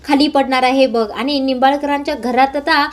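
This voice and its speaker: A woman narrating a serial episode recap in a casual, steady storytelling manner. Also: high voice, normal speed. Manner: plain, steady retelling.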